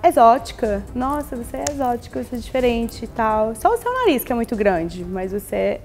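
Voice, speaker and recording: A woman's voice: fairly high pitch, expressive, brisk, a little mellow. A young woman, thoughtfully telling personal memories in a group discussion. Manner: reflective, recounting memories. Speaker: rapper in a panel discussion.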